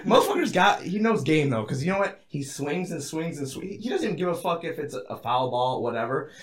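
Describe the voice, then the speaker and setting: A man's voice: on the high side, animated, a little fast, a crowd in the background. Rowdy, boastful young man telling stories. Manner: rowdy, boastful storyteller, swears constantly, laughs while talking. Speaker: podcast co-host telling a story. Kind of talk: crude casual banter among friends.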